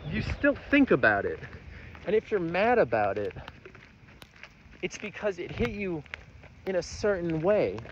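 A man's voice: high-pitched, lo-fi sound, slight background noise. A man rambling through a casual, profane monologue while walking outdoors on roads. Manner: rambling, profane, self-mocking. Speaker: vlogger.

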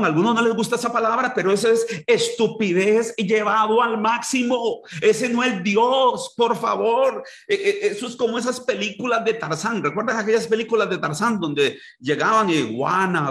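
A man delivering a church sermon in a fairly high voice. He stumbles and repeats words as he reaches for the next phrase, then presses his points with growing heat. The preaching is streamed online from a church. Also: a bit bright. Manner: repeats words while searching, rising to heated emphasis. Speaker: pastor.

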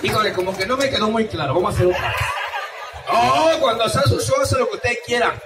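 A man's voice: very high voice, fairly quick. A man hosting a comic street show as a silly clown, teasing and hyping the audience. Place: outdoor town plaza by a bandstand at night. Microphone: far camera. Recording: outdoor crowd noise, loud music, distant echoey mic. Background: loud music and crowd.

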